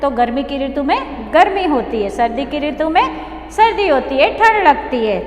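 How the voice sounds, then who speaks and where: A woman, a primary school teacher, teaching a children's poem slowly and patiently in a sing-song way, often checking with a little question. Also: high-pitched, animated, darkish tone. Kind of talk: online class lesson, teaching a poem. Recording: echoey room with long reverb, faint hum.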